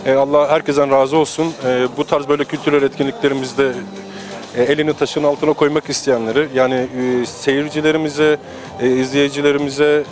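A man's voice: medium pitch, flat delivery, brisk, over music. A man in an event interview, often searching for his words.

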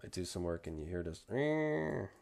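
A man's voice: low-pitched, flat delivery, quick pace, a little mellow. A man narrating casually as he works on a 3D sculpt, muttering asides to himself. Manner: mumbling asides to himself while working. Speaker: 3D modeling vlogger. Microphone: desk microphone.

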